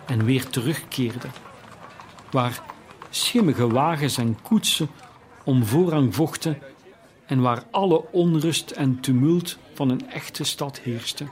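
A man reading a classic story aloud as narrator, in a slow and deliberate way. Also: mid-range voice, a little mellow. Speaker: audiobook narrator.

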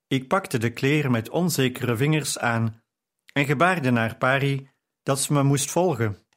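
Slow, measured male audiobook narrator. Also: mid-range voice. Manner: calm, measured storytelling. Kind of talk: scripted narration.

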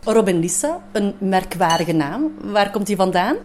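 A woman's voice: mid-range voice, expressive, a little slow, noisy background. A woman presenting a TV report, asking curious questions of her guest. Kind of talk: TV reportage interview.

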